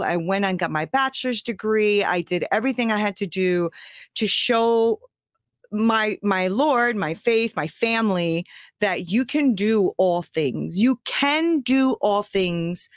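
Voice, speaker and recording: Woman, middle-aged, animated, personal storytelling, acts out voices, dry recording. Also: mid-range voice, no room sound. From United States. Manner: animated, acts out quoted voices, laughs often. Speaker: podcast guest.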